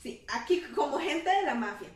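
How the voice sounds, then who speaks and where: A young woman with a high voice spins a story for a friend, laughing and putting on the voices of the people in it. Her speech is animated and casual. The sound is roomy, and she sits some way from the mic. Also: normal speed, distant mic. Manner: animated, laughing, acts out quoted lines. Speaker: storyteller in a chat. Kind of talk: casual chat, retelling a story.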